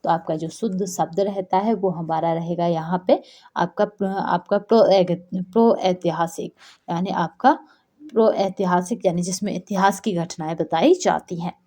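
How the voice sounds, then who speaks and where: Female teacher, warm mellow tone, walks through answers by asking and answering her own questions. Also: lowish voice, normal speed. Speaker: Hindi teacher. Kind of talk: exam-prep lesson.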